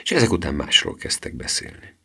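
A man narrating a children's novel as an audiobook, in a measured storytelling manner, switching voices for each character. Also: low voice, wildly swooping pitch, creaky, bright, forceful tone, slightly rough.

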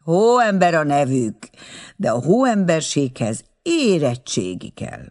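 A man's voice: fairly high pitch, wildly swooping pitch, darkish tone, pitched above the performer's own voice. A man reading aloud, voicing a young man who teases and jokes in a mock-serious way. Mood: teasing. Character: joking, teasing young man at a party.

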